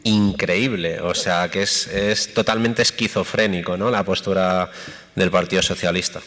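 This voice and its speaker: A man on a conference panel explaining things in a measured way, with hesitant fillers. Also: sits low, steady tone, fairly bright tone. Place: conference hall. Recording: long hall reverb.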